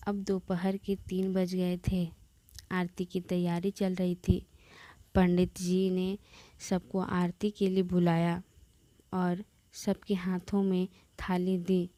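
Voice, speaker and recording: A woman narrating a family story in a calm, unhurried storytelling manner, reading out the dialogue too. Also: on the low side, no echo.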